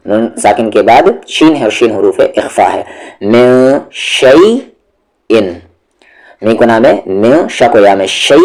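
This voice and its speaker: Here a man whose voice is mid-pitched and slightly mellow guides a Quran recitation lesson. Syllable by syllable, he patiently draws out each sound, building the tajweed lesson slowly and step by step.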